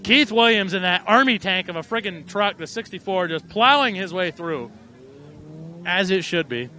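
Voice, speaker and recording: A man with a high, sharp voice calls a live race outdoors at a small racetrack. He is loose and irreverent, swears freely, and gets excited as the cars tangle. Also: normal speed, slight background noise. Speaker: race announcer.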